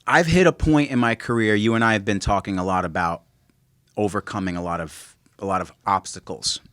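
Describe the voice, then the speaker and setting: A man's voice: lowish voice, fairly quick, a bit bright, clean tone, no room sound, studio quality. A man co-hosting a podcast in casual chat, making his points with emphatic repetition. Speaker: podcast co-host.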